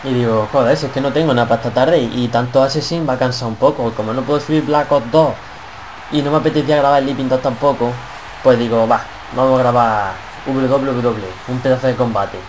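A young man with a Spanish accent from Spain, commentating his own wrestling match as he plays it. He swears freely, cheers his moves and taunts his opponent, at a mid pitch. A faint hiss sits under his headset recording. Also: steady tone, fast talker, a little mellow, poor audio. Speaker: gameplay commentator. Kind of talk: excited let's-play commentary.

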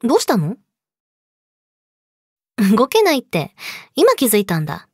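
A young woman playing a possessive yandere girlfriend, sweet but menacing, speaking softly and intimately to her lover in an audio drama. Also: a little high, wildly swooping pitch, a little slow, slightly rough, no echo, studio quality, full character voice. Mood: calm, teasing menace. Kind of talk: Japanese situation voice audio drama, addressed to listener.

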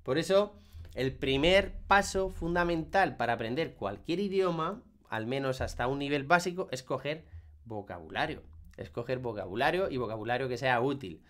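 Man, language teacher; medium pitch, animated and demonstrative, repeats words to drive points home. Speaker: English teacher. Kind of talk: online class explanation.

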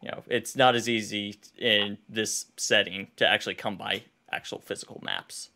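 A man running a livestreamed tabletop game as game master, talking in a halting way with fillers and restarts. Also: lowish voice, fairly even intonation, vocal fry, sharp tone.

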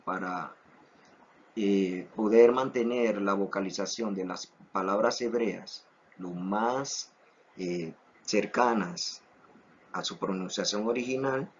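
A man teaching an online Hebrew lesson, slow and deliberate, repeating each word three times so it sinks in. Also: lowish voice, slightly rough. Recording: dull lo-fi recording.

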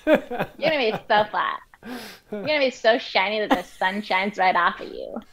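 A woman putting on a high, gushing valley-girl voice for a talking hand plane. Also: lively intonation, fairly bright tone, close to an everyday voice. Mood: bubbly. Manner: gushing, giggly, drawn-out vowels.

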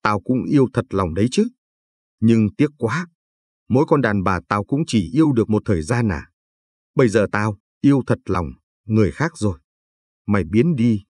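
A man's voice: fairly low pitch, animated, moderate pace, a little mellow, slightly rough, no echo. A man reading the part of a cruel, contemptuous husband who sneers, insults and threatens in a storybook reading. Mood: threatening.

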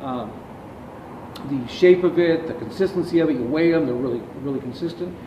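Filmed from afar in a big indoor warehouse lined with shelves, a middle-aged man who founded a company gives long answers to interview questions, using his hands as he explains. He speaks fairly quickly in a fairly high voice, and the distant audio sounds dull and echoey with background noise.

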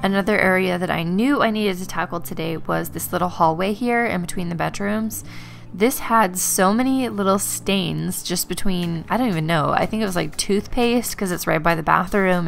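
A woman's voice: fairly low pitch, creaky, a bit bright. A woman in her thirties, a stay-at-home mom and vlogger, chatting casually in a voice-over about her cleaning, with plenty of fillers. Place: bedroom at home.

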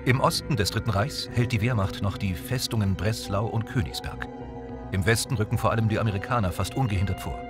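A man reading scripted documentary narration in a measured, even way. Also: lowish voice, music in the background. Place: voice-over booth. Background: documentary score.

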